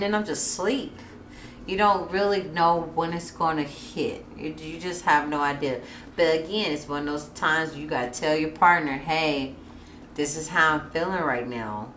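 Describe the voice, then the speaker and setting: A woman's voice: fairly low pitch, fairly bright tone, roomy sound, slight background noise. Frank, chatty pregnant woman in her thirties. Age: 30s. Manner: frank and chatty, bursts into laughter. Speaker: podcast host. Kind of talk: candid casual chat.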